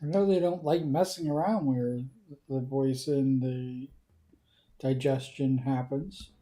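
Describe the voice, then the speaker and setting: A woman's voice: a bass voice, fairly even intonation, slow, warm tone. A woman streamer chatting casually in a laid-back, playful way. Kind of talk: casual chat.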